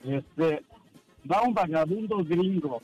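Brief: male caller, unhurried joke-teller, fairly high voice, soft music behind. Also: lively intonation, breathy edge, poor audio. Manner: slow, deliberate storytelling. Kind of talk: telling a joke on a radio call-in.

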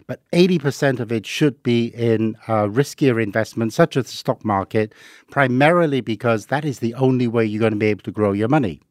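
A man's voice: mid-range voice, fairly quick, dry recording, studio quality. A middle-aged man from Hong Kong, a guest on a finance podcast, explaining rules of thumb patiently with worked examples. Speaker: investing guest. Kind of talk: podcast interview.

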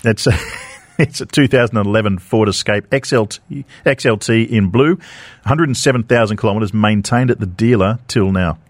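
A man hosting a radio show, upbeat and quick to laugh as he reads listener questions. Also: on the low side, dry recording.

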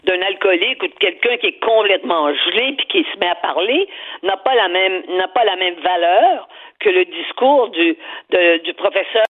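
A woman speaks emphatically, often repeating words as she hunts for the next one. Her voice is a bit husky. It comes through a thin, phone-like line. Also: on the low side, lively intonation, normal speed. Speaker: guest commentator. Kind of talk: opinionated radio chat.

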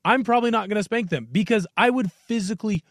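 A man's voice: sits high, fast, no room sound, clean studio sound. A man with an American accent chatting casually as a sports radio co-host, informal, jokey and emphatic. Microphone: close studio radio microphone.

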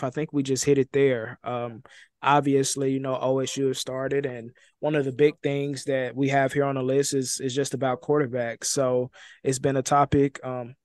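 A man's voice: mid-range voice, no echo. A young man from Texas, co-hosting a sports podcast in an easygoing way, often repeating words. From Dallas, Texas. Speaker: assistant sports editor, co-host. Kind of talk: casual sports podcast chat.

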